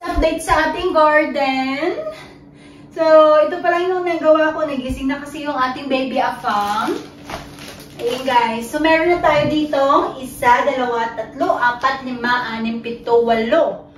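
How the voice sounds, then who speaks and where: A woman's voice: sits high, roomy sound, far from the mic, slight background noise. A woman chatting casually in a home vlog from her garden, switching between Tagalog and English and cooing to her toddler. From Philippines. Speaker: mother vlogger.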